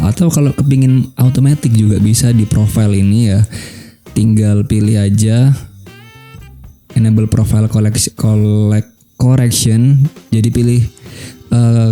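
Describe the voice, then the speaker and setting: A young man talking through a photo editing tutorial in a relaxed way, thinking aloud with many fillers. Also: on the low side. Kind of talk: casual screen-recorded tutorial.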